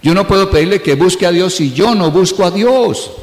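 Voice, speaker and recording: A man's voice: sits high, animated, normal speed. A man with a Colombian accent preaching a sermon as pastor, earnest and repetitive, mixing personal anecdotes with exhortation. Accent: Colombian Spanish. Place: large church hall. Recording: echoey church hall with long reverb.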